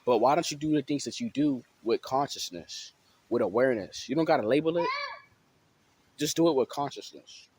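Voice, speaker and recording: A man's voice: medium pitch, expressive, fairly quick, darkish tone, slightly rough. A man vlogging about spiritual awareness in a rambling, casual way, full of fillers and repeated check-ins with his listeners. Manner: rambling, filler-heavy, keeps asking "you know what I'm saying". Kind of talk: casual motivational talk.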